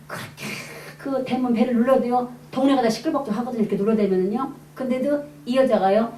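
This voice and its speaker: Fast-talking woman preacher in echoey hall. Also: fairly high pitch. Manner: lively storytelling, acting out quoted dialogue. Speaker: evangelist preacher. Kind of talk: testimony sermon to a congregation. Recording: echoey hall, mic at a distance.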